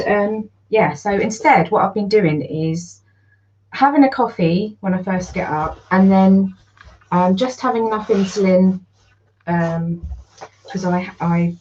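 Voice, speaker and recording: A woman with a Geordie accent, slightly croaky, chatting in a rambling casual way while she irons during a livestream at home, greeting viewers by name. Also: on the low side, darkish tone, muffled recording. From North East England. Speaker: livestream host and online seller.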